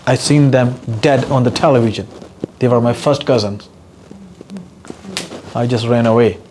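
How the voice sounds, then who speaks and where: A man's voice: medium pitch, normal speed, a little mellow, slight background noise. A man from Pakistan with a Pakistani accent, giving an earnest, emotional personal testimony as an activist guest speaker. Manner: earnest, impassioned, repetitive emphasis.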